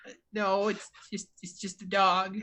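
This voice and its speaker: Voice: mid-range voice, completely flat delivery, a little slow, sharp tone. A player voicing a timid, nervous boy at summer camp who stammers through his answers. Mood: hesitant. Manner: stammering, jumpy.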